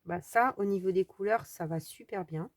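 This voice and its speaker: A woman's voice: medium pitch, moderate pace, dry recording. A French woman chatting casually as she walks through a crafting tutorial, thinking aloud with trailing fillers. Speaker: crafting video host.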